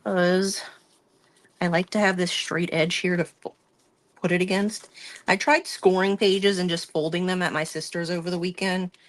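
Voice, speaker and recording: A woman with a slightly low voice hosts a crafting live stream. She chats in a loose, rambling way as she works through each step. Her talk stays casual and hands-on throughout. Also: steady tone, normal speed. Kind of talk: casual chat while crafting.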